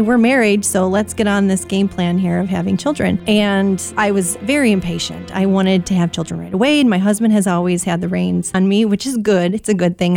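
A woman's voice: mid-range voice, a little mellow, dry recording. A young adult woman telling her personal faith testimony in a candid, conversational way, often quoting her own past thoughts. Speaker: interviewee sharing testimony.

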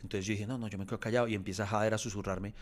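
A man's voice: lowish voice, steady tone, rapid-fire. A man telling a long story in a casual podcast chat, acting out quotes and laughing often.

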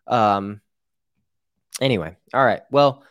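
A man's voice: on the low side, takes it slowly, fairly bright tone, clear, resonant tone, no echo, studio quality. An American man hosting a casual interview, informal and rambling, acting out example quotes as he talks. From United States. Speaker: show host.

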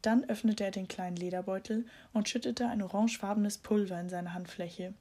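A woman narrating a children's audiobook in a calm storytelling manner. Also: medium pitch, fairly quick.

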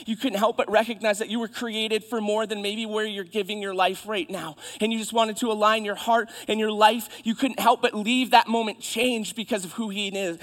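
A man preaching a sermon as pastor, building to loud fervent peaks and then dropping soft and low, often repeating words as he restarts. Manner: builds to impassioned high emphasis, then drops soft and low.

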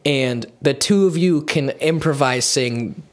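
A man co-hosting a casual podcast, pitching ideas with hesitant fillers and restarts. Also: takes it slowly. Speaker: podcast co-host. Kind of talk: casual chat.

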